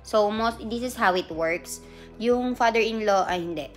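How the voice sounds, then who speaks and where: A woman's voice: medium pitch, measured pace, soft background music. A woman vlogger casually explaining a family custom, chatty, with fillers and self-corrections. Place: busy event hall with a crowd and music.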